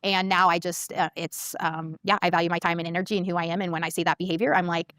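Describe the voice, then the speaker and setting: A woman's voice: lowish voice, little pitch movement, quick pace, a bit bright, no room sound, clean studio sound. A young adult woman on a dating panel, talking reflectively and hesitantly with many fillers. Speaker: panel guest. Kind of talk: casual panel discussion.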